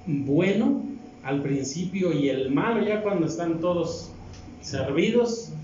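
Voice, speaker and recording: A Mexican deacon delivers a sermon, his voice mellow and set a little high. He keeps asking the congregation questions as he reads scripture. The sound is dull and distant, swallowed by the heavy echo of a church hall. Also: lively intonation, slow, a little hiss or hum. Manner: asks the congregation rhetorical questions. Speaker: deacon preaching. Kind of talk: sermon with Bible reading.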